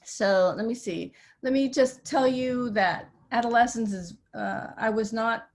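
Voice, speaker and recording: A woman's voice: fairly high pitch, unhurried. Woman psychiatrist explaining on a video call. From Vietnam. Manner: conversational, explains with everyday analogies. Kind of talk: webinar talk.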